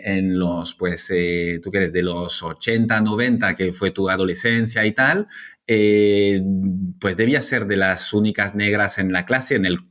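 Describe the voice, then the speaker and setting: A man from France, a native French speaker, hosting an interview podcast in a lively, hesitant way with many fillers. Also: lowish voice. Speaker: podcast host.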